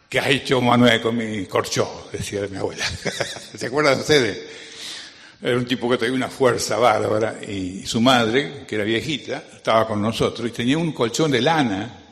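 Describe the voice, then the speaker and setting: A man with a Rioplatense Spanish accent delivers a loose, conversational sermon. He wanders through anecdotes and keeps tossing tag questions to his listeners. His middle-pitched voice carries a long reverb from the hall. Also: normal speed, a bit bright. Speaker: preacher.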